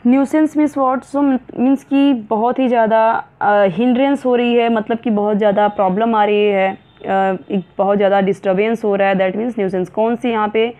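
Her pitch fairly high and her tone steady, a female teacher slowly reads English sentences from a science textbook, then explains them in Hindi, using lots of fillers. The audio has a narrow, phone-like quality.

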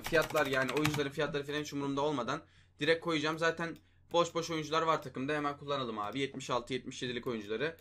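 His fairly high voice comes out pushed and bright as he hosts a mobile game video. In casual commentary on his gameplay, he often sounds exasperated, mutters to himself, talks to viewers, and swears mildly.

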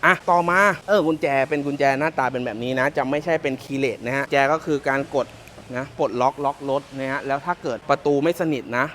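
A Thai car salesman gives a casual, joking walkaround of a pickup truck, chatting away and often repeating phrases. His mid-range voice is brisk and a bit bright, with a little hiss or hum on the recording.

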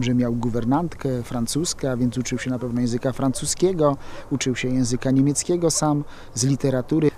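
A man's voice: medium pitch, mellow. A man in his fifties giving an explanation of local history in a documentary.

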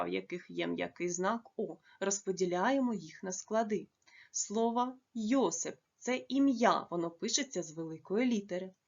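A woman teaching a lesson to young children, dictating slowly and carefully with drawn-out words. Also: mid-range voice, highs cut off. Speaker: primary school teacher.

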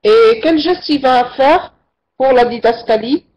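A woman's voice: sits high, a little slow, darkish tone. A woman teaching an online French class, patiently repeating and correcting her students' answers. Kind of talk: online language lesson. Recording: muffled lo-fi online class recording.

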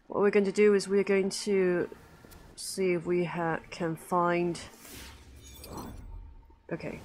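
A woman's voice: fairly low pitch, steady tone, slow pace, darkish tone, a little hiss or hum. A woman hosting a let's play, chatting casually and thinking aloud while she plays, with faint game sounds behind her. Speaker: gamer, let's play host. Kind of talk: casual gameplay commentary.

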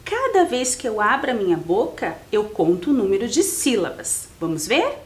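A woman teacher with a Brazilian Portuguese accent giving a slow, clear literacy lesson to young children, spelling out letters and counting syllables with her pupils. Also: fairly high pitch, huge pitch swings.

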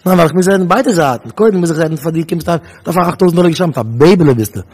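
Husky animated man giving a talk. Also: a little high, quick pace. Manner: animated, acts out children and parents' voices. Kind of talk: Yiddish lecture to students.

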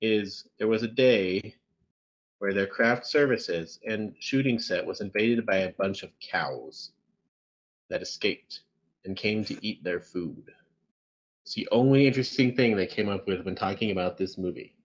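A man's voice: on the low side, unhurried, muffled recording. A man co-hosting a casual film review chat over a video call, talking in a dry, sarcastic way. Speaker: podcast co-host reviewing films.

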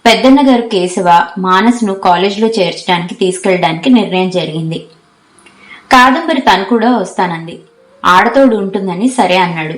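A woman's voice: mid-range voice, normal speed. Woman narrating a novel, echoey room. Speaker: audiobook narrator.

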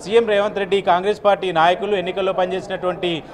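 A man in his thirties giving a live news report outdoors into a handheld mic, steady, with filler sounds between phrases. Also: sits high, very fast. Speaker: field reporter. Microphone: handheld channel mic.

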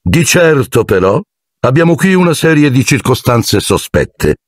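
A cold, sneering teacher questions the boys with barely hidden suspicion, as a male reader puts him on. The voice sits raised and husky, close and dry. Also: medium pitch, big pitch swings, measured pace, dry recording, pitched above the performer's own voice.

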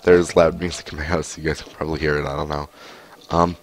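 A young man with a cold streams a game from home, chatting casually into a headset mic and rambling with plenty of fillers. His bass voice stays level in tone, and he talks fast.

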